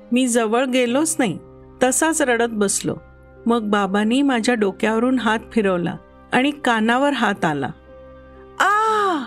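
Slow, high-voiced woman telling a children's story. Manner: expressive, childlike first-person telling. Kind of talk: first-person children's story narration.

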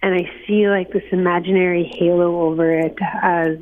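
A woman's voice: lowish voice, flat delivery, normal speed. Earnest woman on a tinny phone line. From northern Manitoba, Canada. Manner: earnest, reflective, with many fillers. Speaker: interview guest, executive director of a watershed alliance. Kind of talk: phone interview.

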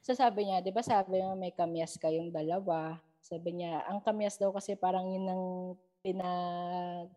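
A woman's voice: fairly low pitch, normal speed. A young Filipina woman casually recounting personal paranormal experiences, switching into English and acting out quoted dialogue. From Philippines. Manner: mixes English into Tagalog, animated retelling with quoted dialogue. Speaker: guest storyteller. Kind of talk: casual storytelling chat.

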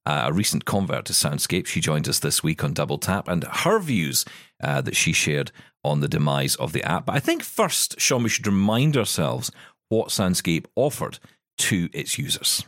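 Deep-voiced chatty male podcast host. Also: moderate pace, dry recording, studio quality. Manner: chatty, expressive, self-deprecating. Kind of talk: casual tech chat. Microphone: studio microphone.

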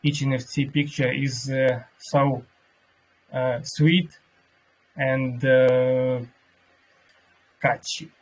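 Slightly husky man, slow and halting. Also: mid-range voice, fairly even intonation, rough recording. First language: Russian. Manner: halting, searching for words in English. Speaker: host of an online crypto community workshop. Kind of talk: announcing and introducing a guest to online listeners.

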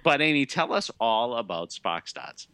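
A man's voice: mid-range voice, big pitch swings, measured pace, bright, forceful tone, clean tone, no echo. A man with a heavy Boston accent hosting a talk radio show, chatty and joking with his guests. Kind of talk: casual chat interview.

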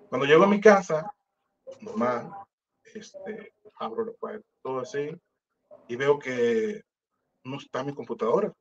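A man's voice: medium pitch, lo-fi sound. A man with a Mexican Spanish accent telling a personal story in casual, slangy talk, acting out the voices of other people. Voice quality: slangy, animated, acts out quoted voices. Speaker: musician telling his story.

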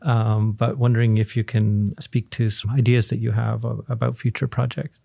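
A man's voice: mid-range voice, little pitch movement, moderate pace, vocal fry, dark tone, no room sound. A man hosting an interview, asking long, winding questions full of "you know" and "I'm wondering". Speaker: interviewer host.

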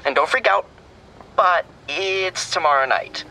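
An actor playing a sentimental, teasing young American younger brother in a naturalistic audio drama. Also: male voice, high voice, a little slow, pushed and bright, a little hiss or hum, heavily acted, rough recording. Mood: sheepish. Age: young adult. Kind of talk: scripted audio drama, phone conversation.

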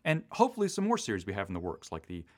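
Speaking rapid-fire, this American podcast co-host and audio drama writer lays out his points with clarity and ease. His conversational delivery rises and falls in pitch, keeping the explanations animated.

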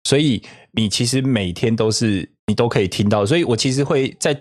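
A man's voice: medium pitch, brisk. A man in his thirties with a Taiwanese Mandarin accent, chatting casually as a podcast co-host and telling stories with frequent laughs. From southern Taiwan. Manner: animated storytelling, laughs often. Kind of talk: casual chat.

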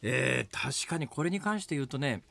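A man's voice: medium pitch, moderate pace, vocal fry. A man hosting a radio show, chatting casually and wryly retelling a newspaper story. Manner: animated, wry storyteller reading a newspaper aloud. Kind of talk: casual radio talk with news commentary. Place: radio studio.

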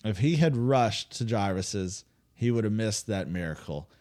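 Lowish-voiced man retelling a Bible story. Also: moderate pace. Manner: animated storyteller, acts out voices with humor. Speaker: co-host of a faith podcast.

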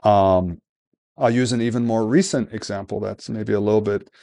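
A man from Sudan talks through policy questions in an interview, measured and deliberate, often pausing and restarting. His voice sits low with a gravelly edge. The recording is dry and close. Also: fairly even intonation, mellow, dry recording. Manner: measured, thoughtful, frequent fillers and restarts. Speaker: guest, think-tank program director. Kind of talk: conversational interview.

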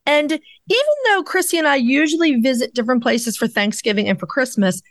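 A woman's voice: high voice, a little fast, no room sound, studio quality. A woman co-hosting a podcast, chatting casually and asking her guest questions with enthusiasm. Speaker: podcast co-host.

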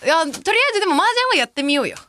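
Bright, lively-voiced woman co-hosting radio. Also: sits high. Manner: playful, laughs often, quick back-and-forth. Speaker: radio podcast co-host. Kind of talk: casual radio banter.

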